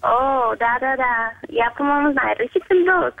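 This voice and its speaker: A woman's voice: high-pitched, moderate pace, gravelly. A young woman with a Belarusian accent chats casually and playfully, often giggly, as a call-in guest over a tinny phone line. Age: young adult. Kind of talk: casual chat.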